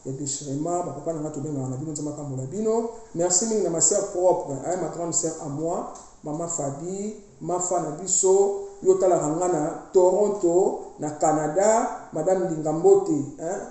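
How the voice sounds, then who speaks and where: A woman whose voice is deep and warm preaches at a normal speed, urging her online followers on as their priestess. She is emphatic and preachy, moving freely between languages, and the recording echoes strongly.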